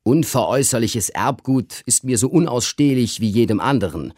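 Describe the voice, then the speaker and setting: A man voicing an irritable, pompous older gentleman who blusters at his household in a literary reading. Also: medium pitch, animated, moderate pace, no echo, clean studio sound, lightly acted. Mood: blustering. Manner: gruff and blustering.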